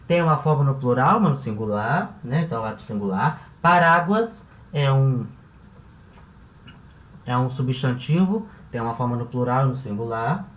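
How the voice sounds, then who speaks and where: A woman who teaches a language lesson. She explains each step patiently and often checks in with the class. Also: fairly low pitch. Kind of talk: classroom-style video lesson. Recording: roomy echo, voice from a distance off the mic.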